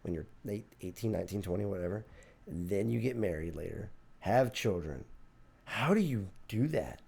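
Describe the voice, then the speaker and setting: A man's voice: fairly low pitch, expressive, moderate pace, creaky, a little mellow, slightly rough. A man co-hosting a podcast in casual chat, joking and full of fillers. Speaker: podcast co-host.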